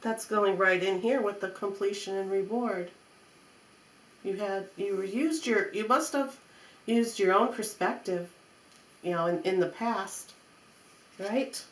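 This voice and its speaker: A tarot reader gives an off-the-cuff, mystical horoscope reading in a mid-range voice, speaking slowly and pausing often. She repeats phrases to coax and reassure her listener. The recording is roomy and echoey, with faint background noise.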